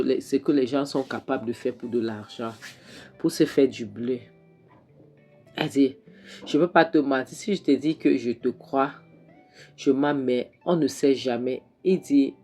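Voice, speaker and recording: A woman's voice: extremely low pitch, normal speed, a little mellow. A woman retelling a film's scenes in a casual recap, quoting the characters' lines with many restarts and repeated words. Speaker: film recap narrator. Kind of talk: casual movie recap storytelling. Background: faint background music.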